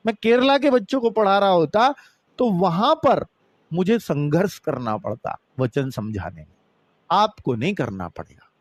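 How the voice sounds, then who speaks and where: A male teacher explains grammar to students he calls kids. His voice sits high and leaps up and down in pitch, with emphatic rises and low, drawn-out drops. The close mic gives a dry sound with no room echo. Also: sing-song. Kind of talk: online exam-prep grammar lesson.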